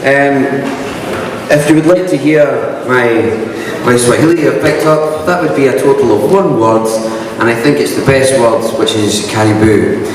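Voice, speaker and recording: A man's voice: mid-range voice, moderate pace, crowd noise. A man with a broad Scottish accent giving an informal, self-deprecating promotional speech as the host of a live event. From Scotland. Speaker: whisky brand ambassador, event host. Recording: echoey hall, distant mic, noisy room.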